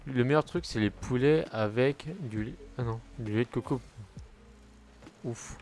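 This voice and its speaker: A young man gives casual gaming commentary while streaming a car football game, rambling between topics and swearing when plays go wrong. His voice is medium-pitched and unhurried with a darkish tone.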